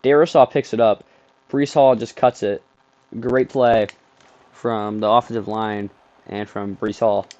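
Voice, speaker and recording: A young man casually commentating his football video game from his bedroom, rambling between plays and getting excited over big moments, sounding sleepy. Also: on the low side, measured pace, muffled recording. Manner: rambling, excitable play-by-play with frequent ums. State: sleepy, yawning. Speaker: gaming streamer.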